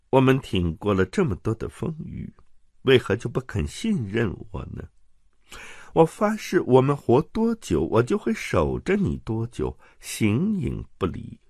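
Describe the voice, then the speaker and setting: A man's voice: medium pitch, a little mellow, dry recording, clean studio sound, voice pushed up, heavily acted. A man voicing a silky, scheming nobleman. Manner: coaxing, silky, falsely tender. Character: smooth scheming nobleman, soothing and sly. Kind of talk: audiobook character voice.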